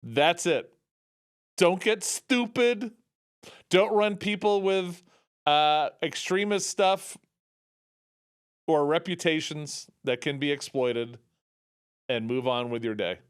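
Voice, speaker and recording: A man's voice: fairly high pitch, takes it slowly, pauses often, clear, resonant tone, no echo, studio quality. A man hosting a political talk show, rambling and sarcastic, with many restarts. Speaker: radio talk show host.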